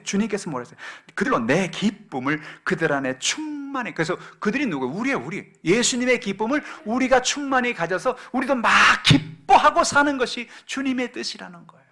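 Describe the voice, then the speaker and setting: A man preaching a sermon as a pastor. He moves between loud calls and near whispers, puts questions straight to the congregation, and acts out the voices in a Bible story. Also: a little high. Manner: addresses the congregation directly with questions.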